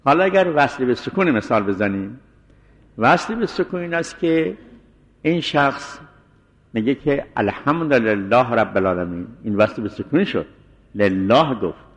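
A man teaching the rules of pausing in recitation, explaining step by step and slowly chanting verse examples. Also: medium pitch, big pitch swings, long reverb tail. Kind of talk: spoken lesson.

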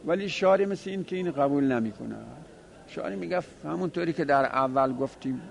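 A man's voice: fairly high pitch, vocal fry. A man teaching a classroom grammar lesson, explaining step by step and repeating each form aloud, talking to his class directly. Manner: conversational, addresses the class directly.

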